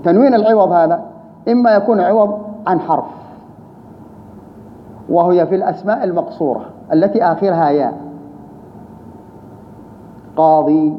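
A man with a high-pitched voice teaches grammar and explains it patiently. He repeats key terms and asks rhetorical questions. The recording is dull and lo-fi, with a long room reverb and a faint hiss underneath. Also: moderate pace, pauses often.

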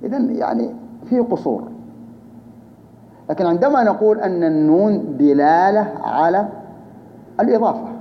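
A man leads a grammar class, his voice sitting a little high. He breaks each rule down step by step and keeps asking his students questions. The recording is dull and lo-fi, with a long hall reverb and faint background noise. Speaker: Arabic grammar teacher.

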